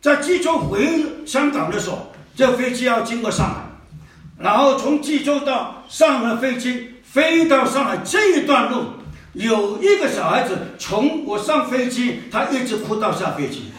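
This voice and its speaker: A man preaching a sermon in an animated, storytelling way, often chuckling as he talks. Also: very high voice, moderate pace. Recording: echoey hall, mic far off.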